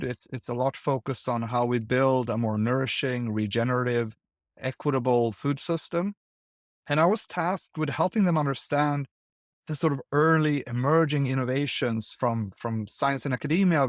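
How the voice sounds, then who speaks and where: A man's voice: mid-range voice, no echo, studio quality. A man from Sweden, a guest investor, speaking thoughtfully in an interview, often repeating words as he restarts. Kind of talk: conversational interview.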